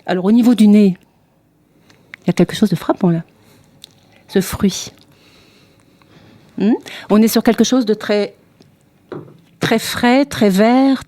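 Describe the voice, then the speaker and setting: A French woman hosting a podcast conversation, talking in a measured, explanatory way with frequent fillers. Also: medium pitch, mellow, no room sound. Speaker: podcast host. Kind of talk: hosted conversation.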